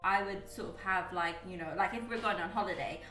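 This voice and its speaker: A woman's voice: lowish voice, brisk, pushed and bright, reverberant, distant mic, slight background noise, rough recording. A young woman from Guyana and the UK chatting casually as a podcast host, rambling with lots of fillers and restarts. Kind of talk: casual chat.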